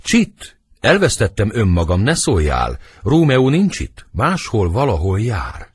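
A man reading the part of Romeo, a brooding lovesick young nobleman, in husky, lyrical verse for an audiobook. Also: huge pitch swings, no room sound, full character voice. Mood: wistful. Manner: lyrical verse reading, wide swings in pitch.

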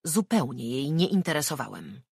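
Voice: medium pitch, sing-song, normal speed, vocal fry, husky, no room sound, studio quality, exaggerated voice. A narrator reading an audiobook and voicing a brusque, defiant suspect under interrogation. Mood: defensive. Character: defensive, indignant murder suspect.

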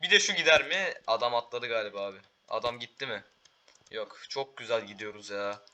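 A teenage boy giving excitable live commentary while playing a game, calling out to teammates and viewers. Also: mid-range voice, a little fast. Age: teens. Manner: excitable, talks to teammates and viewers, frequent exclamations. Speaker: gaming YouTuber.

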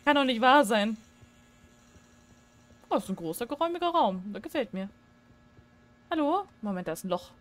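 A woman's voice: fairly high pitch, big pitch swings, moderate pace, long pauses. A woman giving joking, chatty commentary while playing a horror game, talking to viewers at a desk microphone. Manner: chatty, joking, shrieks when startled. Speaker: gaming streamer. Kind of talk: let's play commentary.

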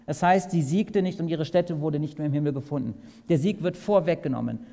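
A man preaches a sermon in a slightly high voice, putting questions straight to his listeners. He moves between raised, urgent passages and quiet ones. His voice rings with the long reverb of a large hall. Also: fairly quick, gravelly. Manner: asks the audience direct questions, swings between loud and soft. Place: large hall at a camp meeting.

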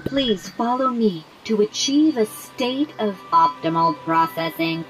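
A woman voicing a calm female robot yoga instructor in a video game, speaking in a slow, even, robotic way. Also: medium pitch, close to an everyday voice, poor audio. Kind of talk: video game character dialogue. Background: game music.

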